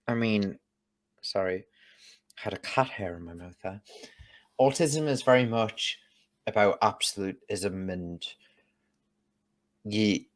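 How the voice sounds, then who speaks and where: A man from the UK, a guest in a casual conversation, explaining his views and thinking aloud with restarts. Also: fairly low pitch. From United Kingdom.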